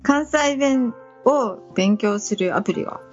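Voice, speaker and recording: A woman's voice: fairly high pitch, animated, measured pace, muffled recording, soft background music. A woman from northern Osaka with a light Hokusetsu Kansai accent, co-hosting a casual podcast chat and politely agreeing often. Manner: polite, agreeable, frequent backchannels. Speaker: podcast co-host.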